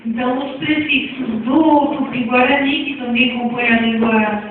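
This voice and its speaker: In a classroom lecture on spelling reform, a Brazilian-accented teacher chats with her students and keeps asking them questions. Her high voice has fairly even intonation and moves at a normal speed. The audio is noisy, echoey and phone-like, with her far from the microphone.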